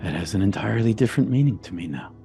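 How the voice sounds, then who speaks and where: A man recounting a personal experience in a halting way, often repeating words and restarting. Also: fairly low pitch, lively intonation, vocal fry, warm tone, faint music behind. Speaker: storyteller. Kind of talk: personal testimony.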